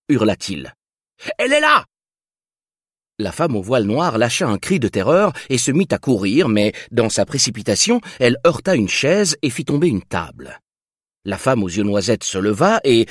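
A man reading a novel aloud as narrator, in an expressive, measured way. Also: medium pitch, breathy edge, no room sound, studio quality. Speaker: audiobook narrator. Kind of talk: scripted narration.

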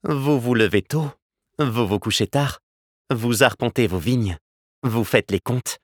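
A man's voice: medium pitch, unhurried, dry recording, studio quality, voice pushed up, lightly acted. A man reading a novel aloud and voicing a playful young woman with a slightly raised, teasing delivery. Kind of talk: audiobook character voice.

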